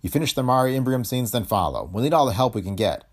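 A male reader plays a gruff, decisive boss from a space adventure film, brusque and slangy with a growl over a soft heart. He talks fast in a mid-range voice pitched above his own, with a lively, varied delivery and a brisk, decisive mood.

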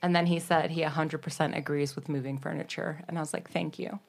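A young woman from the Baltimore area telling stories on a casual podcast, blunt and profane, with loud bursts. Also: sits low, fairly even intonation, quick pace, vocal fry. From Baltimore, Maryland area. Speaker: podcast co-host and storyteller. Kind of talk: casual chat.

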